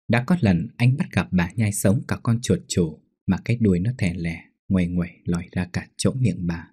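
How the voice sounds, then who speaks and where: A man reading a scripted horror story in a steady, measured way. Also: deep voice, breathy edge, dry recording, studio quality.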